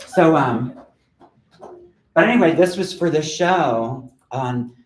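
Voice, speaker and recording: A man's voice: a little high, lively intonation, slow pace, slight background noise. Blunt male-voiced poet in echoey room. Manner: candid, blunt, chatty with asides. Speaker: poet giving a reading. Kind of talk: informal talk and poetry reading to an audience. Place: lecture room with audience. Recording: roomy echo from a lecture hall.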